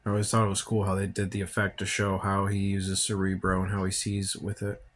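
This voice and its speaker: A man with a fairly low voice hosts a podcast and talks through a movie in loose, casual commentary. He sounds tired and rambles, thinking aloud as he goes. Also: monotone, brisk, a bit bright. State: tired, yawning. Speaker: podcast host.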